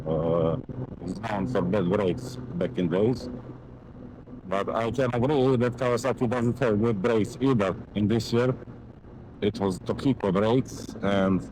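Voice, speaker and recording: Riding his motorcycle through city traffic, this young motovlogger from Montenegro talks into a helmet mic, rambling and cursing casually in his Montenegrin accent; his first language is Serbian. His fairly low voice is slow and full of pauses, with background noise throughout.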